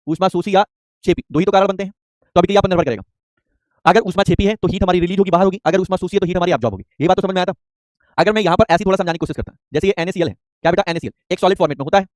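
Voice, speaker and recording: A young man teaching an online chemistry class, rapidly repeating points and firing quick questions at students. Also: sits high, darkish tone, no room sound, clean studio sound.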